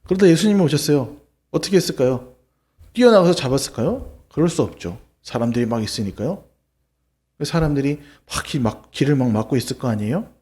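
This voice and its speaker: A man preaching a children's sermon in church, telling a Bible story with lively rhetorical questions. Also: mid-range voice, fairly quick. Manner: animated, addresses children with questions. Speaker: children's pastor.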